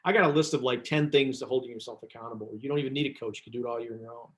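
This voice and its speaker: A man's voice: medium pitch, racing, fairly bright tone. A man who works as a business coach, telling chatty anecdotes and often drifting off track mid-sentence. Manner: chatty, rambling, self-interrupting. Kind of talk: casual talk, telling anecdotes.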